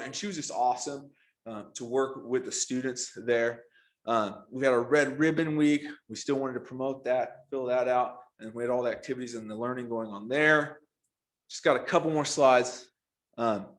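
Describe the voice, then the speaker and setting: A man's voice: a little high, a bit bright. A man, a school principal, giving an upbeat presentation at a school board meeting over a video call, often saying "again" and "right?".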